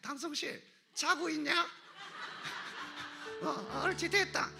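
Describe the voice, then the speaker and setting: A woman leading worship in a church, animated and comic, breaking into shouted exclamations. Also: high-pitched, takes it slowly, vocal fry, faint music behind. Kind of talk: lively church exhortation. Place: church sanctuary.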